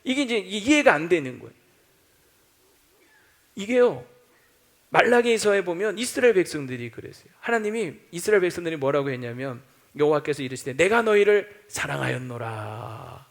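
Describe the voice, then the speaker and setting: A man's voice: high-pitched, expressive, brisk, pauses often. A male pastor preaching a sermon, acting out doubting voices and quoting scripture as he goes.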